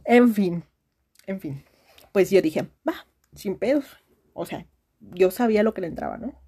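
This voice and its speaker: A young woman with a Mexican accent tells a friend a long personal story in a casual voice message full of slang, rambling, restarts, and fillers. Her mid-range voice is animated, mellow, and husky, at a normal speed.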